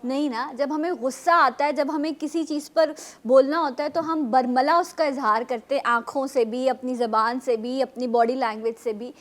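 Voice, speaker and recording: A woman hosting a television morning show, chatty and lively, with quick asides. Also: high voice.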